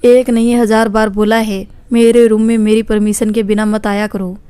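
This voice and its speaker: A woman's voice: a little high, flat delivery, moderate pace, dark tone, clear, resonant tone, no echo, natural voice. A woman reading the part of a stern but caring young man in a spoken story, firm and questioning. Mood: angry.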